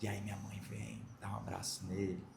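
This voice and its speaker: A man's voice: lowish voice, level tone, fairly quick, gravelly, darkish tone, echoey room, a little hiss or hum. Brazilian man telling a heartfelt story. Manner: emotional, vivid storyteller acting out quoted dialogue. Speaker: guest. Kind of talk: personal storytelling in a podcast interview.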